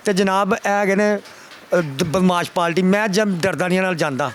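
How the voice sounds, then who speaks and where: A complainant father, older and with a Pakistani Punjabi accent, gives a reporter emotional testimony at a moderate pace in a high-pitched voice. His account is pleading and repetitive, and he often says sir. Slight background noise can be heard.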